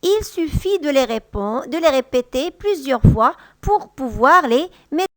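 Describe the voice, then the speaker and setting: A woman with a high voice gives a language lesson at an unhurried pace. She says each model phrase twice, a touch louder. The sound is dry and close to the mic. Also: lively intonation, no echo. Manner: patient, repeats example sentences slowly and louder. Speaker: French teacher. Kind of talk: slow, clear language lesson.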